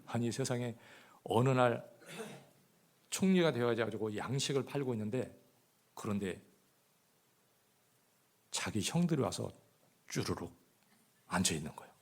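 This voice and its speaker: A man preaching a sermon as pastor, often asking the congregation rhetorical questions, swinging between loud emphasis and hushed asides. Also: mid-range voice, lively intonation, unhurried, gravelly, pauses often. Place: church.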